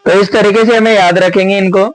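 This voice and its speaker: A man teaching Sanskrit grammar and working through exam questions, explaining slowly, repeating himself and asking his students many rhetorical questions. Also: high-pitched, steady tone, low-quality recording. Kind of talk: exam question walkthrough lesson.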